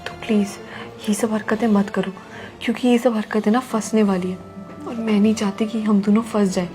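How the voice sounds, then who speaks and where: A woman's voice: mid-range voice, flat delivery, brisk, warm tone, faint music behind, natural voice. A woman playing a scheming young married woman in a scripted drama, with an insistent, scolding way of talking. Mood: pleading. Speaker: daughter-in-law character. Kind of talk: scripted Hindi short-drama acting.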